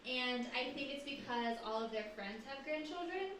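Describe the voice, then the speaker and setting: A woman's voice: sits high, animated, normal speed. Dry young woman doing stand-up. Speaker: stand-up comedian. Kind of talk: stand-up comedy set. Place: live comedy show venue. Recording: echoey room, far from mic, loud noise.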